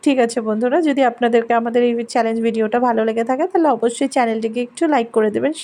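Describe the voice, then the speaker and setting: A woman's voice: fairly high pitch, steady tone, racing, dark tone. A woman hosting a casual eating contest vlog, chatting to viewers as friends and urgently repeating short phrases. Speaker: host of an eating challenge video.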